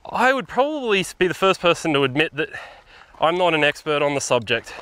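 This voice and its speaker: A man's voice: a little high, sing-song, a little fast, fairly bright tone, clear, resonant tone. A man chatting as a podcast guest on a bush hike, laid-back and self-deprecating, a little out of breath. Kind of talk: casual chat while hiking. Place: outdoors on a bush hiking trail.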